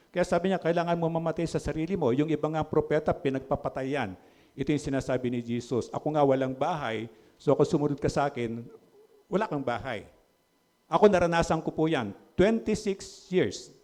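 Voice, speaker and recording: A middle-aged man with a Filipino accent, preaching a lively sermon in a church hall and asking the congregation questions. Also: fairly high pitch. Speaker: pastor.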